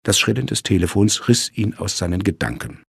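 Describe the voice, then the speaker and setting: A man narrates a crime audiobook with measured storytelling. His voice is low and creaky, with a husky grain. The recording is dry and close. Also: sing-song, no room sound.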